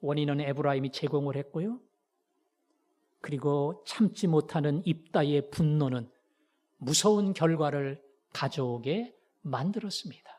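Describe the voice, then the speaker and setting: Male pastor, fairly high voice, preaching with fervor and plenty of theatrical rises and drops. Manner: impassioned, acts out quoted voices with sharp swings in pitch and loudness. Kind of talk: sermon.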